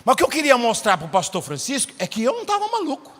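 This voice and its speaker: Brazilian male pastor, high voice, lively storyteller, long church hall reverb. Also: quick pace. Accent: Brazilian Portuguese. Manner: animated, acts out dialogue. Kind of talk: storytelling sermon.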